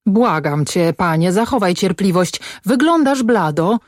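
A woman's voice: lowish voice, animated, measured pace, dry recording, clean studio sound. A woman reading the part of a loyal young male servant in a stage play, earnest and pleading.

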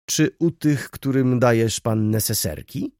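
A man's voice: medium pitch, unhurried, a little mellow, no room sound, close to an everyday voice. A man doing a sardonic shop clerk. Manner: dry, mocking remarks. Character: sardonic male shop clerk, dry wit.

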